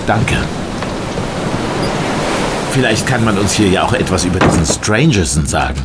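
An actor playing an official, self-satisfied Scotland Yard inspector in a radio play, questioning formally and briskly. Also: male voice, sits low, animated, heavy background noise. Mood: businesslike. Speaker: actor in an audio drama. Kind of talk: German radio play dialogue.

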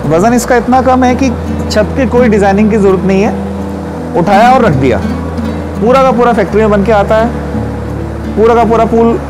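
High-voiced man pitching at an exhibition. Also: normal speed, pauses often, music in the background, rough recording. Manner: confident, persuasive, gestures while explaining. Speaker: pool company representative. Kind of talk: sales pitch at a trade stall. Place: large indoor exhibition hall.

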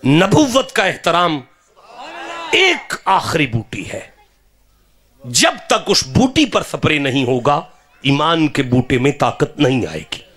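A man with a Pakistani Punjabi accent preaching a sermon at a live religious gathering. He questions his listeners and builds up to fervent shouting. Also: on the high side, very animated, slow.

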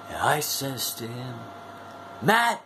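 In a small room at home, a wrestling fan video host in his forties plays a bombastic showman, delivering a theatrical promo to camera in a mid-range voice. His pitch swoops wildly, he draws out his words and lets out sudden whoops, with background noise underneath.

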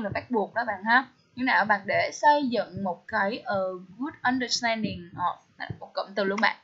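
A woman's voice: mid-range voice, a bit bright, husky. A woman teaching English through a test walkthrough, often asking her listeners questions. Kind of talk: TOEIC test walkthrough lesson. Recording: slightly dull lo-fi audio.

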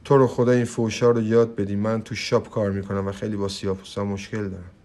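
A young man teaching English online in a livestream. He talks in a brash, hyped way, swears freely, and drops in slow, emphatic English phrases. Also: lowish voice, level tone, a little mellow. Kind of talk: energetic livestream pitch and Q&A.

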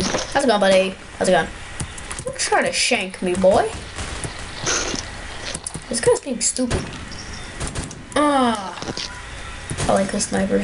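A woman giving gameplay commentary, excitable and full of trash talk. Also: mid-range voice, noisy background. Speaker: gamer.

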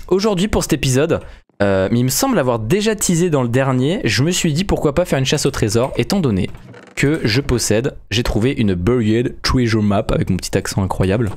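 A man hosting a casual gameplay chat, playful and joking, quick to get excited. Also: medium pitch. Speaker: gaming video host.

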